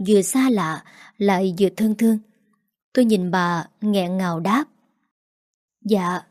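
A woman narrating a first-person audio story in a measured, emotional manner. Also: medium pitch, a little mellow, dry recording, studio quality.

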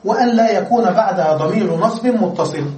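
A man's voice: high-pitched, fast, darkish tone. A male Arabic grammar lecturer giving a classroom lesson, explaining step by step and checking that students understand. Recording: roomy echo, distant mic, faint noise.

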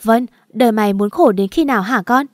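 Woman doing a heartbroken older mom scolding her kid, crying, high pitched, dry. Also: brisk, no echo, lightly acted. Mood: anguished. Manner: scolding, breaking into sobs. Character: older woman, Vân's mother, anguished and scolding.

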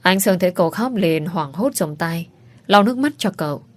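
A woman narrating a romance story aloud in a steady, emotive reading. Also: on the low side, fairly quick. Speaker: audiobook narrator.

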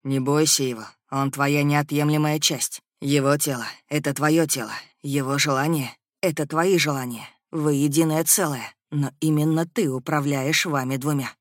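A woman doing a hoarse, calm young prince. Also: sits low, no echo, clean studio sound, voice pushed down, close to an everyday voice. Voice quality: hoarse, breathy. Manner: soft, insistent coaxing. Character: young male prince, calm, steady, reassuring. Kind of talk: audiobook character voice.

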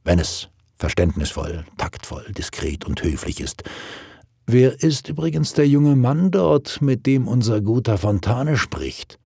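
A man voicing a stern, proper father who lectures his daughter in a strict, measured way. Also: medium pitch, sing-song, creaky, mellow, husky, dry recording, clean studio sound, voice pushed up, exaggerated voice.

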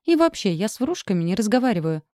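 A woman voicing a blunt, gruff bearded giant of a man in an audiobook, delivering curt, mocking remarks. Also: mid-range voice, big pitch swings, fast, dark tone, dry recording, clean studio sound, natural voice. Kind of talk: audiobook character dialogue.

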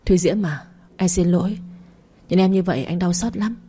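A woman's voice: lowish voice, normal speed, mellow, slightly rough. A woman voicing a young man torn between accusing his wife and apologizing. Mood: remorseful. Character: young husband, angry then remorseful.

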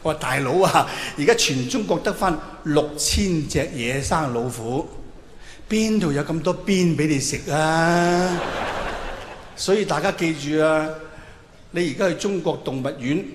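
Speaking a little slowly in a higher-than-average voice, a Hong Kong Cantonese-accented comedian performs stand-up before a live crowd in a big hall. His storytelling is theatrical and exclamatory, with acted-out dialogue, captured with noticeable reverb and faint noise.

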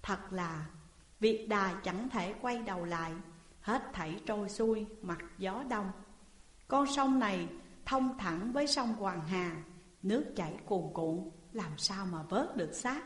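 A woman reading a classical tale aloud as a storyteller, voicing the characters' lines with shifting pitch and energy. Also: lively intonation, a little slow. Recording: echoey room with long reverb.

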